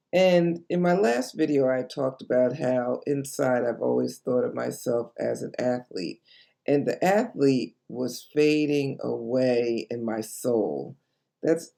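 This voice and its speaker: A woman's voice: rumbling low, gravelly, warm tone. A woman in her late sixties, a life coach, talking to camera in an earnest, encouraging way. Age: 60s. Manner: earnest, encouraging, slow and deliberate. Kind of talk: direct-to-camera vlog.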